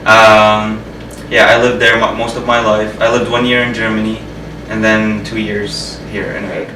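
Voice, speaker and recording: In a personal interview, a man in his twenties from Jordan keeps restarting and filling pauses as he hesitates. He speaks at a moderate pace in a lowish voice with little pitch movement. Picked up by a far-off mic, the audio sounds roomy and carries a background hum.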